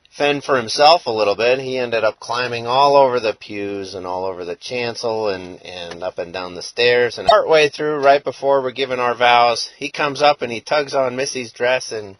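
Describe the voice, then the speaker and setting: A man recalls a fond memory in a tribute to a retiring friend, pausing on fillers as he goes. His voice is bright and recorded close and dry. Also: medium pitch, no room sound, poor audio. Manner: storytelling with hesitant fillers. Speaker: tribute speaker, groom at past wedding. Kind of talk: anecdotal tribute.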